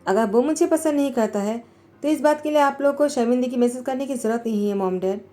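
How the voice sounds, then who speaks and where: A woman's voice: high-pitched, fast, dark tone, close to an everyday voice. A woman voicing a hurt but stubbornly loyal young husband, speaking in an insistent, pleading way. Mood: earnest.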